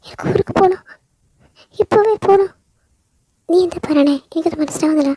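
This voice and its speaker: A woman's voice: very high-pitched, darkish tone, dry recording, pitched above the performer's own voice. A woman voicing a young woman who pleads and cries, slipping Tamil words into Malayalam. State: crying. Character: young woman, anxious then grief-stricken. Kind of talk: audio story role-play.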